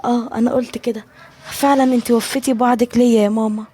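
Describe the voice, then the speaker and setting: Young mother, Egyptian Arabic accent, strong-willed, raised pitch, woman reader. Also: steady tone, fast, mellow, slightly rough. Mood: grateful.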